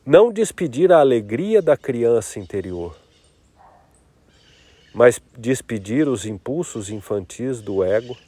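A man guiding a meditation in an unhurried, drawn-out way. His voice is warm and mellow. He speaks softly and reflectively, with long pauses between phrases. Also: medium pitch, sing-song, slightly rough, dry recording. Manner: slow, soft-spoken, reflective. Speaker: meditation guide. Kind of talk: guided meditation.

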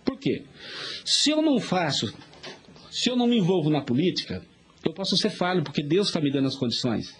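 Brazilian guest, middle-aged man, folksy and chatty, rapid delivery. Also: a little high, very animated, a little hiss or hum. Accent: Brazilian Portuguese. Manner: chatty and folksy, preachy asides, frequent filler tags. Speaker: interview guest, vice mayor and pharmacist. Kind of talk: casual interview talk.

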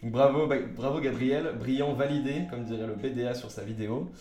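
A man's voice: medium pitch, a little fast, mellow, faint music behind. Male co-host, casual banter, jokey; echoey room. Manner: joking, chatty, laughs often. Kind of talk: casual chat. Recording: roomy echo.

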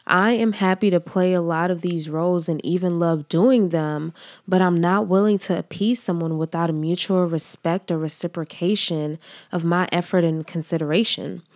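A woman hosting a solo podcast with a congested, stuffy-nosed voice, speaking in an earnest, measured, scripted way. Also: fairly low pitch, steady tone, a little mellow, no echo. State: congested from allergies, trouble breathing. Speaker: podcast host.

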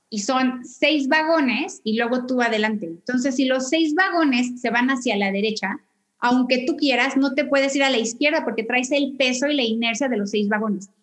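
A woman, a guest who explains family constellations with homely analogies. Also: high-pitched. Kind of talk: casual explanatory chat.

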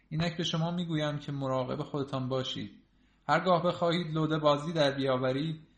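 A man voicing an irritable, proud gentleman who speaks scornfully and cuttingly, recorded in an echoey room. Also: medium pitch, vocal fry, natural voice. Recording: roomy echo.

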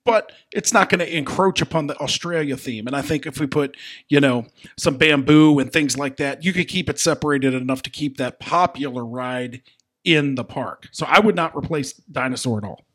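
A man co-hosting a podcast, pitching a theme park idea with enthusiasm in casual chat. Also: normal speed, fairly bright tone. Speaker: podcast co-host.

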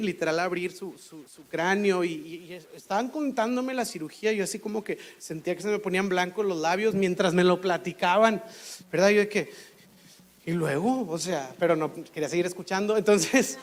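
A Mexican-accented pastor preaching in an easy, talk-it-over manner, his voice sitting notably high for a man. He slips into other people's voices as he quotes them. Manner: conversational, acts out quoted voices. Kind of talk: sermon.

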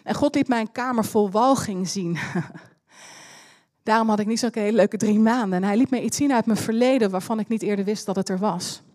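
A woman's voice: medium pitch, brisk, a little mellow. A woman preacher giving a personal testimony sermon in a chatty storytelling way, slipping English phrases in among her words. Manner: chatty, laughing asides.

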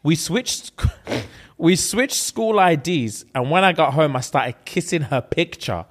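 A man's voice: a little high, sing-song, a little slow. A young man with a London roadman accent, reading out online comments in slangy, jokey casual banter. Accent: London, urban roadman slang.

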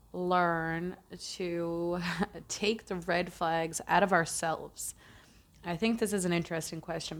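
A woman's voice: on the low side, vocal fry. A woman hosting a casual solo podcast, talking in a reflective, earnest way and correcting herself as she goes. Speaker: podcast host.

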